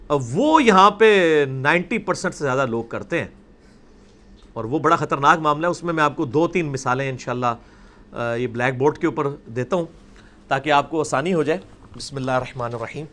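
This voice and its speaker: High-voiced man teaching class. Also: lively intonation, a bit bright. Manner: explains patiently, repeats words and asks the class questions. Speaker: religious teacher. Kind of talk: classroom lecture at a blackboard. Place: indoor lecture room with a blackboard.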